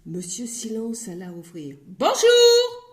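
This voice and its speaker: A woman reading a children's story aloud in an expressive, playful way, recorded in an echoey room. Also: mid-range voice, takes it slowly, noisy background.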